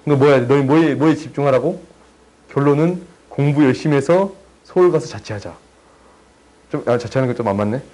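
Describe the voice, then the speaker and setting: A young man tutoring high school math in a chatty, teasing way, often checking that students follow. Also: fairly quick, darkish tone, poor audio. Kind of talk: casual online math lesson.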